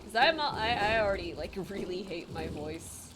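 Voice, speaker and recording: With game music and a noisy background behind her, a woman with a light Filipino accent speaks animatedly at normal speed in a medium pitch. She's a chatty game streamer on a live stream who laughs often, reads chat aloud and jokes about herself.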